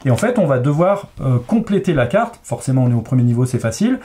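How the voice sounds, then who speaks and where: Mellow-voiced man explaining a puzzle game. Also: medium pitch, very animated, fast talker. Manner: patient, explanatory, with frequent fillers. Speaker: game designer. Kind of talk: explaining a board game casually.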